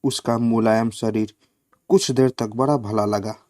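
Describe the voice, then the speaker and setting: A man reading a satirical short story aloud at a slow, measured pace. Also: fairly low pitch, steady tone, darkish tone, no room sound, clean studio sound. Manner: slow, measured reading with quoted lines voiced in the flow.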